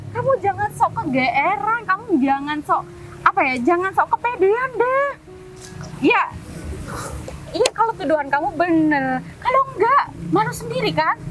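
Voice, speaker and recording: A woman's voice: very high voice, lively intonation, normal speed, background noise. An actress playing an arrogant, scornful young woman who sneers at her ex-boyfriend in a web drama, recorded outdoors. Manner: sneering, scolding, dismissive. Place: outdoors in a public place.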